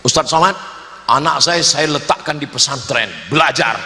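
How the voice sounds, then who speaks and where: A man preaching a sermon in an animated, humorous way, acting out the people in his stories. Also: a little high, moderate pace. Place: large hall with an audience. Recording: echoey hall, long reverb.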